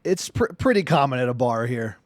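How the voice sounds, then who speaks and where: A man's voice: mid-range voice, very animated, brisk, no room sound. A man running a tabletop game as game master, narrating casually in informal, slangy language.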